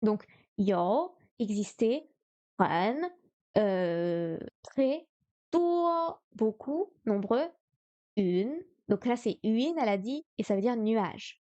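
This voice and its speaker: A woman's voice: medium pitch, lively intonation, drawn-out words, warm tone, dry recording, muffled recording. A woman streaming a live study session, thinking aloud hesitantly with many fillers. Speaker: streamer learning Chinese.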